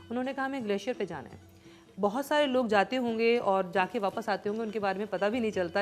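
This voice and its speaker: A woman hosting a studio talk show, in a chatty, expressive way. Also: mid-range voice. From Pakistan. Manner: chatty and expressive, excited storytelling.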